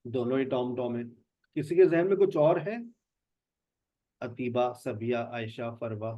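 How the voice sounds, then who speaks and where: A man's voice: mid-range voice, a little slow, dull audio. A man teaching an online spoken English class, patiently explaining pronunciation and calling on students by name. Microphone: online class call.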